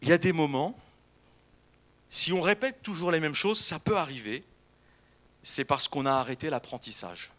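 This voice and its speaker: A man preaching a sermon as pastor, lively and animated, acting out quoted voices. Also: a little high, normal speed, long pauses.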